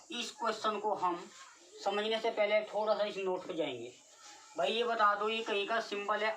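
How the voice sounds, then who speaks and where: A woman's voice: medium pitch, a bit bright. A woman teaching a class-nine math lesson, repeatedly asking her students questions. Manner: repetitive, keeps questioning students. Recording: distant mic with faint noise.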